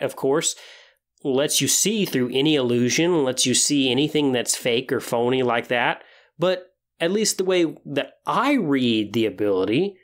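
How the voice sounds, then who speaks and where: With a middle-pitched voice well suited to the subject, a lone podcast host walks listeners through tabletop role-playing ideas in a relaxed, explanatory style.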